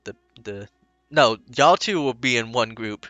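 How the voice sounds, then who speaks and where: A man narrating as game master of a tabletop game, laid-back and halting. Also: medium pitch, animated, a bit bright, no room sound, dull audio, soft background music.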